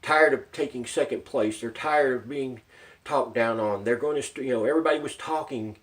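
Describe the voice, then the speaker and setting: A man's voice: medium pitch, moderate pace. Distant-miked man giving informal gaming commentary. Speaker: video game news commentator. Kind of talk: unscripted vlog commentary. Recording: distant microphone.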